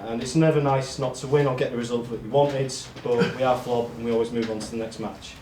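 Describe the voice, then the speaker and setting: A man giving a self-deprecating speech to his friends in a monotone voice, with frequent ums. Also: mid-range voice, quick pace. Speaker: award speech giver among friends. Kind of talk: casual speech read to friends. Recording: echoey room with faint noise.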